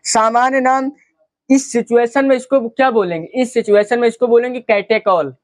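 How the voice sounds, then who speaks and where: A man runs through a chemistry class in a high voice. He poses questions and answers them himself, repeating each term for his students. The sound is close and dry. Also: fairly even intonation, normal speed, no room sound. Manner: repetitive, asks and answers his own questions. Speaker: chemistry teacher. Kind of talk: classroom lecture.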